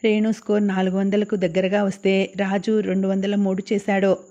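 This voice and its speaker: A woman narrating an audiobook novel in a steady, scripted reading. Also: medium pitch, normal speed, dull audio. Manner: flat, even reading.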